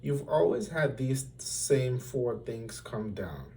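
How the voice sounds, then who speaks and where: A man's voice: mid-range voice, sing-song, slow, vocal fry, a little mellow, distant mic, a little hiss or hum, full character voice. Guy doing a nervous young palace page, polite and pleading, storybook style. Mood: cautious protest. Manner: anxious, deferential, pleading. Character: timid, respectful young male page who cautions his king.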